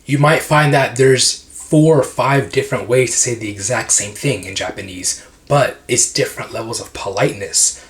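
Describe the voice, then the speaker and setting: A man giving laid-back advice to language learners in a lively, slangy voice. He chats straight to the camera like he is talking to friends, with frequent laughs. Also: medium pitch. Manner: energetic, slangy, laughs often. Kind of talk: casual educational video.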